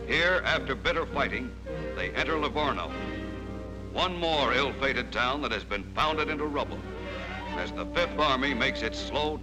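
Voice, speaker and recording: A man's voice: medium pitch, poor audio. A man giving declamatory, solemn and emphatic narration in the style of a 1940s wartime newsreel. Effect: old newsreel narration. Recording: narration over a loud music score.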